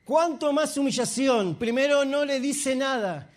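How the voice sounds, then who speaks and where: A male pastor preaches a sermon, his voice sitting very high for a man. He swings from hushed, quiet asides to raised, fervent outbursts. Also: unhurried.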